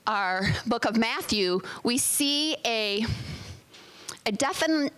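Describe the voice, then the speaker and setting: A woman's voice: on the high side, a bit bright, poor audio. Chatty woman teaching a Bible study. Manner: chatty, with frequent fillers and self-corrections; reads scripture passages aloud.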